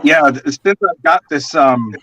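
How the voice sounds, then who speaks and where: A comic artist chatting casually on a live drawing stream, blunt and teasing, swearing freely. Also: male voice, a little high, lively intonation, a little slow, bright, forceful tone, no echo. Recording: dull lo-fi stream audio.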